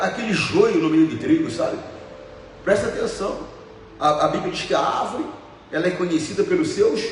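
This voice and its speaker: A male pastor preaches in a high voice, telling stories and hammering his points home by repeating them. His voice carries from a distance across a large hall with a long, echoing reverb and a faint hum of ambience behind it. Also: a little mellow. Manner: emphatic storytelling with repetitions. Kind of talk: preaching sermon. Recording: echoey hall, voice from far off.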